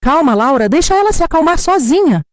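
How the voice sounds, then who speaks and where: A woman's voice: sits high, expressive, moderate pace, warm tone, no echo, studio quality, pitched above the performer's own voice. A woman doing a sugary scheming daughter-in-law. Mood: condescending. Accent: Brazilian Portuguese. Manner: sugary, falsely polite, condescending. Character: scheming young daughter-in-law, falsely sweet.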